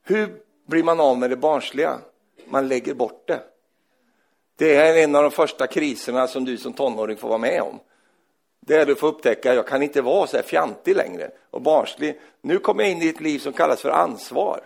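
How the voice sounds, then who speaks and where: Male preacher, gravelly and husky, raised voice, lively sermon delivery punctuated with tag questions. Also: on the high side. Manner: animated, swinging between loud exclaims and quiet reading; tag questions "va?" after points.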